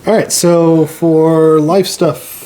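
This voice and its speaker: A man's voice: a little high, steady tone, takes it slowly, warm tone. A man with a cold co-hosting a casual chat, easygoing and laughing along, recorded on a mic plugged into a phone. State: sick with a cold. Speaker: co-host, teacher. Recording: faint background noise, phone mic.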